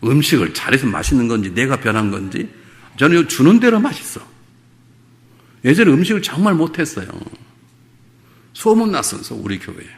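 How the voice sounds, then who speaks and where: Lively, gravelly Korean pastor preaching. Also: male voice, mid-range voice, brisk, long pauses. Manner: humorous storytelling, rising to fervent exhortation. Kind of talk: revival sermon.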